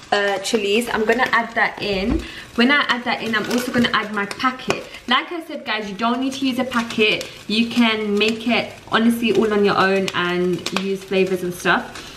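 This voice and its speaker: A woman's voice: on the high side, fairly even intonation, unhurried, distant mic, noisy background. A young woman, chatting to viewers while she cooks in a home kitchen. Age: young adult. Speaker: vlogger. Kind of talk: casual cooking vlog. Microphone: camera mic on the counter. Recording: echoey kitchen, voice off-mic, music behind.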